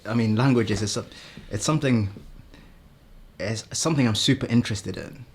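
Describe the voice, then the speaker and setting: Chill guy in his 20s from sweden, lowish voice, keeps restarting his sentences, casual chat. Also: a little hiss or hum. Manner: halting, many restarts, easygoing. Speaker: guest, young doctor.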